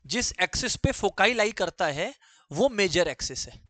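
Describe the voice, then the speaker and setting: A man leads a maths class in a high, bright voice that rises and falls constantly. He repeats key phrases and keeps asking students questions. The sound is close and dry. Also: animated, normal speed, dry recording. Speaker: maths teacher.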